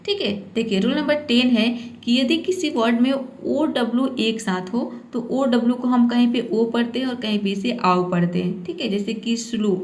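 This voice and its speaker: A woman's voice: on the high side, normal speed, hardly any pauses, a little mellow. A woman teaching English pronunciation rules, patiently repeating each example word. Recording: echoey room.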